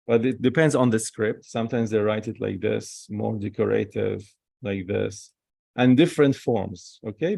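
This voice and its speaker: A man with a lowish, gravelly voice teaches the Hebrew alphabet very slowly. He repeats each letter's sound several times and uses non-native phrasing. The recording is close and dry. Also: a little mellow, no echo. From Holy Land. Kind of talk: classroom lesson.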